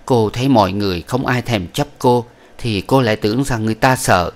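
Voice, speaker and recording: A man's voice: medium pitch, close to an everyday voice. A man voicing a proud young wife. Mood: cold, firm. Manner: cool, measured lecturing. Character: young woman, proud, cold-tempered wife. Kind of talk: audiobook character voice.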